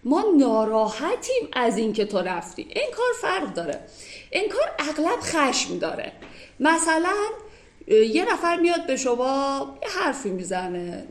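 A woman's voice: on the high side, echoey room. A woman teaching classical poetry, reciting verses and then explaining them in a conversational way with everyday examples.

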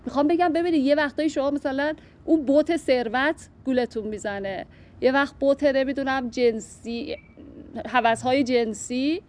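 A woman's voice: high-pitched, a little mellow. A woman teaching classical poetry, reading verses aloud and thinking them through as she explains. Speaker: literature teacher.

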